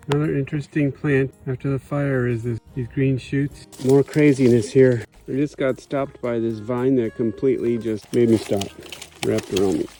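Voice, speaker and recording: Chatty male vlogger, mid-pitched, narrating outdoors on a trail over background music. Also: mellow, poor audio. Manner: chatty, self-narrating, breathless from effort at times. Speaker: bikepacking vlogger. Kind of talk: casual narration while riding. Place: outdoors on a swampy forest trail. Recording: music playing underneath.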